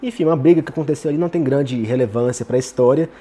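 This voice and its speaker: A man's voice: medium pitch, fast talker, mellow, slightly rough. A man with a Brazilian Portuguese accent giving casual literary commentary, tagging nearly every phrase with "né".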